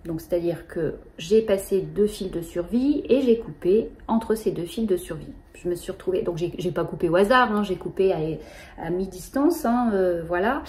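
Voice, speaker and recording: A middle-aged woman, hosting a knitting show in a casual, halting way with many fillers. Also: fairly low pitch, a little mellow. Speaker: knitting podcast host.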